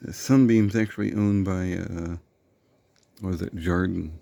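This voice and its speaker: A man's voice: sits low, fairly even intonation, measured pace, creaky, warm tone, no room sound. A man hosting a casual unboxing video, rambling with dry, sarcastic asides about the product. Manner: rambling, with fillers and self-corrections. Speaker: host of a product unboxing show.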